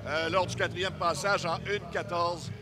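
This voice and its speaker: A man's voice: high-pitched, steady tone, unhurried. A Québécois man giving live motorsport commentary, analysing the race and reading out lap times. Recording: very noisy outdoor racetrack, engines behind.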